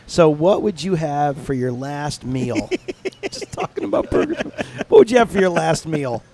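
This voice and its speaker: Upbeat host asking numbered questions. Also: male voice, on the high side, sing-song, moderate pace, mellow. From upstate New York. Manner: friendly, asks numbered questions, laughs easily.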